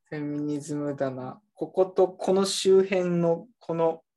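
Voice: mid-range voice, slow pace. A bookshop staffer chatting casually while showing shelves, rambling with many fillers. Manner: animated, rambling, full of fillers. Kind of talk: casual chat.

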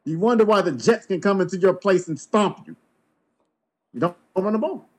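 A man's voice: high voice, expressive, moderate pace. A man hosting a sports podcast, giving blunt, emphatic opinions. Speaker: podcast host.

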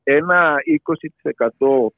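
A man from Greece giving spontaneous political analysis as a pollster in an interview, halting and searching for his words over a phone line. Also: a little high, no echo. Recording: tinny, band-limited phone line.

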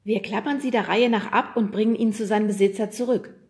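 A woman reading an audiobook, voicing an eager, scheming boy who talks quickly. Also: medium pitch, steady tone, darkish tone, pitched above the performer's own voice, lightly acted.

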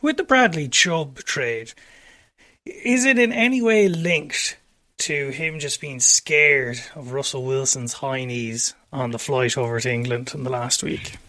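A man's voice: mid-range voice, pushed and bright. A man hosting a sports podcast in a jokey, rambling casual chat. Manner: jokey, rambling, quick intros. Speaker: podcast host.

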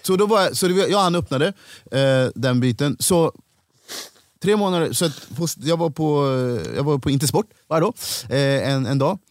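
A man's voice: a little high, no room sound, studio quality. A man, a stand-up comedian, telling stories in a casual podcast chat, acting out the people he quotes. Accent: Swedish. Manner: animated storyteller, acts out quoted voices.

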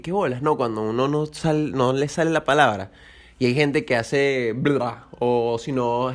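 A young man hosting a casual solo podcast, rambling and joking crudely, often breaking off to correct himself. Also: mid-range voice. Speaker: podcast host.

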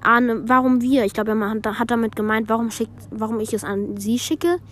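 A woman vlogger reading a group chat aloud in a casual way, with quick asides between the messages. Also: on the high side, flat delivery, darkish tone.

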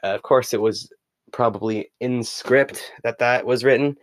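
A man's voice: mid-range voice, fairly even intonation, moderate pace. A young man hosting a casual solo podcast, rambling with many fillers and reading passages aloud from a book. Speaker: podcast host.

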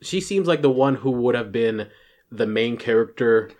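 A man's voice: mid-range voice, animated, moderate pace, a little mellow. A man chatting casually in an office, rambling, stumbling over words and laughing at his own slips. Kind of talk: casual chat.

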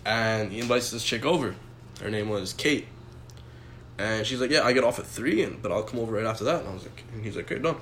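A man rattles off profane stories at a quick clip, laughing as he goes. His voice carries the echo of a bare room. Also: fairly low pitch, a bit bright, a little hiss or hum. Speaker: podcast co-host. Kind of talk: crude casual chat.

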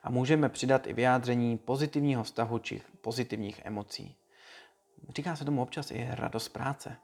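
A man giving a calm, measured read-aloud talk to listeners, like a short lesson. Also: mid-range voice, creaky. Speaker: speaker giving a motivational talk.

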